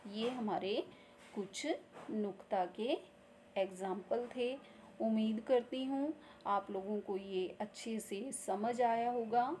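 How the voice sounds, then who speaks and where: Woman teacher going really slow over hindi grammar, says each word twice, bit of hiss in the background. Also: on the high side, mellow. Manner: repeats each example word slowly, often asks "ठीक है". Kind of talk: slow explanatory classroom lesson.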